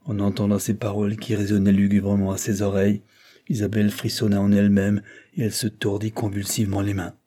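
A man narrating a classic novel as an audiobook in an even, measured way. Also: on the low side. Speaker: audiobook reader. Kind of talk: scripted narration.

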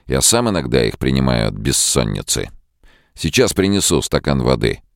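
A man with a very deep, gravelly voice reading the lines of a tense, controlling man in an audiobook, with clipped, urgent commands. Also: big pitch swings, normal speed, no echo, studio quality, full character voice. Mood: brisk. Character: tense, controlling man, outwardly calm, menacing.

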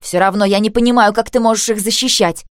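A woman's voice: mid-range voice, fairly even intonation, fast talker, no room sound, studio quality, pitched above the performer's own voice, close to an everyday voice. A woman voicing an older teenage girl from a labor camp, bitter and snapping, in an audiobook.

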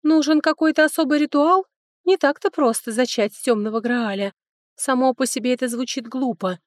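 A sharp-tongued young noblewoman, put on by a female audiobook reader, her voice lifted noticeably higher than the narration and edged with mockery. Dry, close recording with no room sound. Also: dry recording, natural voice. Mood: sarcastic. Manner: mocking, biting, quick to snipe. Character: sarcastic, touchy young noblewoman, younger sister. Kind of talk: audiobook character voicing.

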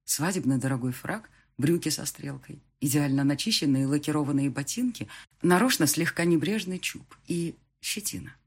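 A woman narrating a first-person audiobook in an expressive, animated way. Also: low-pitched, normal speed, breathy edge.

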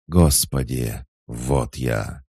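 A man voicing a dying young king who prays feverishly, in a slow, hushed, pleading way. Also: very deep voice, vocal fry, slightly rough, no echo, clean studio sound, exaggerated voice.

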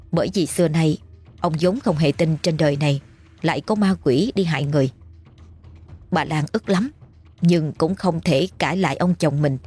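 Heard first is a low, husky woman's voice, reading a ghost story aloud. She narrates at a brisk storytelling pace, with faint music underneath. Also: darkish tone. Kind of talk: scripted audiobook narration.

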